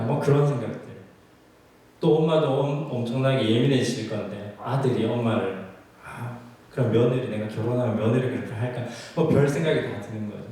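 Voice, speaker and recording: A male pastor telling a personal story in a sermon, acting out his own past prayers with lively storytelling. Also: medium pitch, a little hiss or hum. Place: church sanctuary. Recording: echoey church hall from far off.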